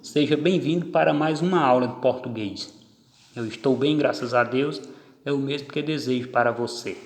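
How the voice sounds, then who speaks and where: A man teaching a grammar lesson, explaining step by step and counting out syllables one by one. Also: mid-range voice. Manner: slow, deliberate, spells out syllables. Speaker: Portuguese teacher. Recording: echoey room with long reverb.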